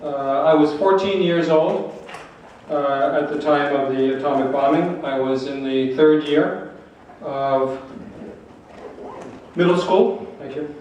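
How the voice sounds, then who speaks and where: A man interprets slowly and haltingly, his voice pitched a little high for a man. He sits far from the microphone in a strongly echoing hall, with faint noise underneath. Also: steady tone, a little mellow. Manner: halting, many fillers and restarts. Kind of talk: consecutive interpretation at a talk.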